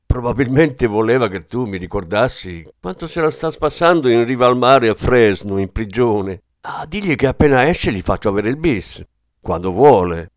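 A man's voice: medium pitch, expressive, normal speed, dry recording, close to an everyday voice. A man voicing a tough, hard-bitten former policeman who speaks with cool, dry menace. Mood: mocking. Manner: cool, threatening, dryly mocking.

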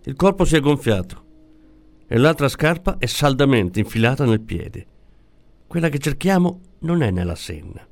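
A man voicing a calm, pensive male police commissioner who speaks in a slow, musing way. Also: mid-range voice, pitched above the performer's own voice.

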